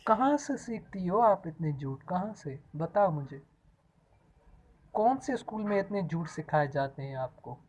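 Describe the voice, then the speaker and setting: A woman's voice: fairly low pitch, animated, a little slow, a little mellow. A woman questioning a little girl in a persistent, teasing way in a casual family video. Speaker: parent questioning a child.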